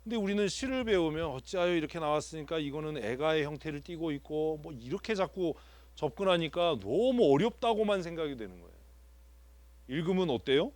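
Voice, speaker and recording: Man, pastor, interactive Bible teaching, animated pitch, dry close sound. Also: brisk, dry recording. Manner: asks the congregation questions and repeats answers. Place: church sanctuary.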